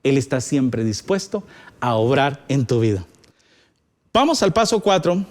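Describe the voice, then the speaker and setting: A man's voice: medium pitch, very animated, unhurried, darkish tone. A man with a Guatemalan Spanish accent preaching a sermon, reading scripture aloud with rising and falling emphasis. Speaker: pastor.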